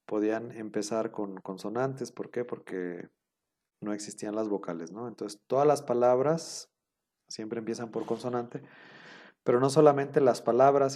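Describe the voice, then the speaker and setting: A man teaching a Bible class on Hebrew grammar, explaining patiently with frequent pauses and rhetorical questions. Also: medium pitch, mellow.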